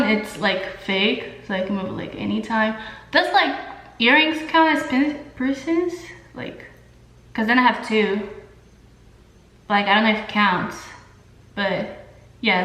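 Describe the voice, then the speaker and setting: This São Paulo beauty vlogger, a young Brazilian woman who speaks Portuguese natively and has a Brazilian accent, talks informally to the camera as she does her makeup, loose and slangy. Her voice sits at medium pitch with a slightly bright quality. The room echoes, and the recording quality is low.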